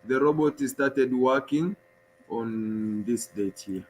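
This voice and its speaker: A man's voice: mid-range voice, takes it slowly, a little mellow, a little hiss or hum. A man from Tanzania, a guest on a casual live-stream chat, explaining step by step while showing his screen on a video call.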